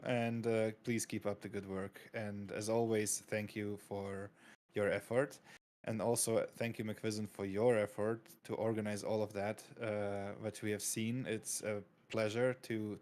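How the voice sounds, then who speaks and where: A man with a somewhat low voice speaks as a guest on a racing broadcast. He talks in halting bursts with frequent restarts and fillers. His manner is casual and appreciative. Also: darkish tone. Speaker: guest commentator. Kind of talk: casual chat.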